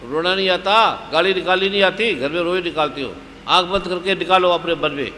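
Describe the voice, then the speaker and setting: A man's voice: high-pitched, brisk, sharp tone, long reverb tail, a little hiss or hum. A man leading a spiritual gathering through guided meditation and release exercises, with commanding, repetitive instructions. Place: large hall at a religious gathering.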